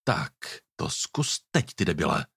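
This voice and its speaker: A cruel young thug who sneers and taunts, voiced in a husky, dry tone by a man reading the story aloud. The delivery is contemptuous and lively in pitch. It is a spoken storybook scene with no room sound. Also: no room sound, full character voice. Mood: sneering. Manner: mocking, contemptuous.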